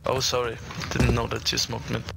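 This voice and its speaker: A man's voice: mid-range voice, monotone, normal speed, creaky. A man giving teammates instructions in casual gaming chat. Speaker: gamer giving team instructions. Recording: very noisy game voice chat.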